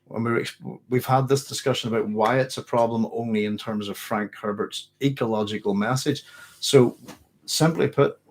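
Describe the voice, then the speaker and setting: Speaking at a normal speed in a steady, mid-range voice, this science fiction channel host fields viewer questions during a late-night live Q&A. His answers wander casually, and he keeps catching and fixing his own words.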